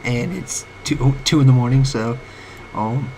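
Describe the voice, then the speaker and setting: A young male vlogger with a cold rambles through a late-night personal talk, his warm, mid-range voice cracking now and then as he halts, restarts and fills gaps with fillers. The audio is poor: his home mic swings up and down in volume, with a faint hiss underneath.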